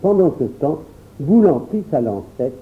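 Lively man reading a storybook. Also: fairly high pitch, unhurried. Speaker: audiobook reader. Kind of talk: scripted first-person storybook narration. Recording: tinny phone-like sound.

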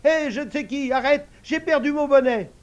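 A man's voice: high-pitched, big pitch swings, a little slow, darkish tone, highs cut off, voice pushed up. A man voicing a simple, cheerful young man in a storybook, speaking in a raised, naive voice.

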